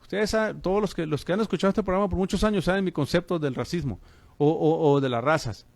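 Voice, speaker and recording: A man's voice: fairly high pitch, fast talker, gravelly, a little mellow, no room sound. A man preaching on the radio as a pastor and host, fervent and calling listeners brother.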